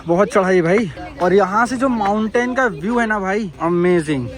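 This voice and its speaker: A man with a high voice chats his way through a travel vlog, calling the viewers brother as he walks through parks and streets. He is recorded outdoors on a handheld phone. Clear background music plays under his voice. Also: moderate pace. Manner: chatty, often says "bhai" to viewers. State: slightly tired from climbing. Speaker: travel vlogger. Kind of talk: casual travel vlog narration.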